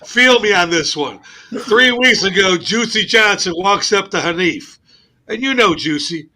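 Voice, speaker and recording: High, bright-voiced man hosting sports radio. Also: measured pace. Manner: animated, profane storyteller. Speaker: host. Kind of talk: casual sports radio chat. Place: radio studio.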